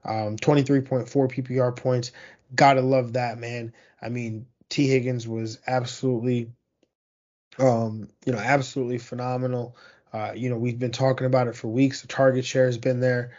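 A man's voice: mid-range voice, little pitch movement, normal speed, a little mellow, dull audio. A man hosting a fantasy football podcast, talking through weekly player stats in a loose, rambling way full of fillers and restarts. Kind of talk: casual sports analysis monologue.

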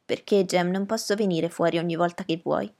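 Woman doing a stern housekeeper, firm, loud, commanding, breathy voice, storybook reading. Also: on the low side, fairly even intonation, fairly quick.

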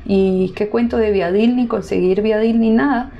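A woman, relaxed and chatty, telling her own birth story to the camera. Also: mid-range voice, normal speed, vocal fry, muffled recording, a little hiss or hum. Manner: lively, relaxed, chatty with laughter.

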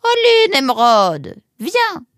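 A woman voicing a large, sly, motherly female fox in an audiobook, talking in a slow, coaxing way. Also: on the low side, wildly swooping pitch, no echo, clean studio sound, heavily acted. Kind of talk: audiobook character voice.

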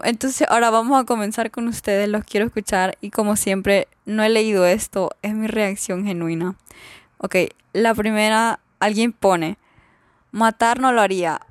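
A woman's voice: medium pitch, moderate pace, no echo. A young woman with a Guatemalan Spanish accent, chatting casually as a vlogger as she reads out viewer answers, rambling with lots of fillers and laughs.

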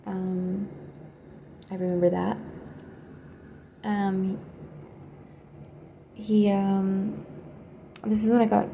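Halting woman with a flat, gravelly voice. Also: mid-range voice, dull audio, slight background noise. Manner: hesitant and halting, with many pauses and fillers; quiet, subdued recounting. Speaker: video creator. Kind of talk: personal storytelling.

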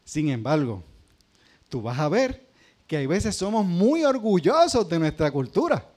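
This Puerto Rican pastor preaches a sermon with a Puerto Rican Spanish accent, chatting with his congregation and posing questions to them. His pitch is fairly high and sing-song, and he speaks unhurriedly in a slightly mellow voice.

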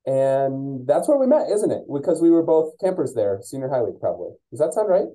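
Casting: American male podcast host, mid-pitched, friendly and chatty, heard as though speaking through a tunnel. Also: big pitch swings, a little fast, mellow, low-quality recording. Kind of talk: casual conversational podcast hosting. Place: remote video call. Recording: hollow tunnel-like sound on video call.

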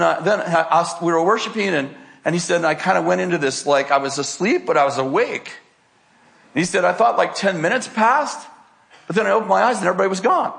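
A man's voice: high voice, gravelly, fairly bright tone. An older man preaching, telling a story with laughter and acted-out quotes. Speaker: pastor. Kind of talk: sermon storytelling.

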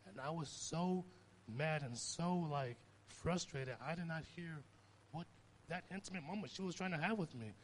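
A man's voice: on the high side, normal speed, a little hiss or hum. A young man giving an informal sermon, talking conversationally and telling stories with rising emphasis. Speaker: preacher.

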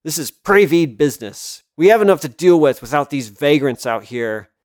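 Man voicing a young thug, contemptuous, clenched-teeth delivery, storybook villain, crisp dry sound. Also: on the high side, moderate pace, no echo, voice pushed up, close to an everyday voice. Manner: sneering, contemptuous, clipped through clenched teeth. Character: young angry male stone creature, bigoted and hostile. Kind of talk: audiobook character voice.

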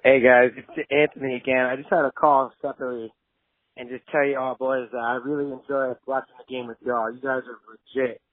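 Man, excited caller, slangy, dry phone-line sound. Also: medium pitch, brisk, no echo. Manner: hyped, swearing, casual slang. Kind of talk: excited voicemail.

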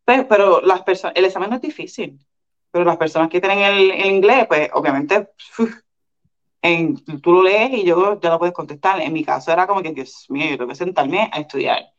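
A woman guest in a casual interview who tells her story in an animated way, often restarting and repeating words. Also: on the low side, moderate pace. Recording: dull lo-fi sound.

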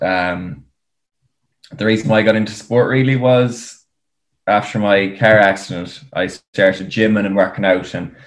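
A man with an Irish accent talking casually as a guest in an interview. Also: fairly low pitch. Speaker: podcast guest, para rower. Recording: roomy, echoing sound.

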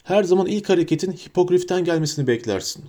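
A man voicing a huge, cheerful and kindly male gamekeeper with a booming, hearty way of talking. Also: lively intonation, fast, mellow.

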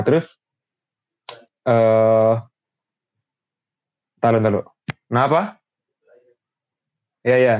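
A man's voice: fairly low pitch, dry recording. A young man chatting casually in slang, hesitant and often restarting his sentences. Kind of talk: casual chat. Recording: dry, tinny phone-like sound.

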